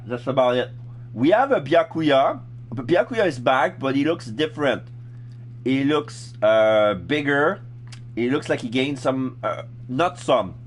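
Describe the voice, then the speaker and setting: A man's voice: mid-range voice, a little hiss or hum. A man giving casual, hesitant video game commentary, often groping for words as he explains characters. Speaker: game streamer.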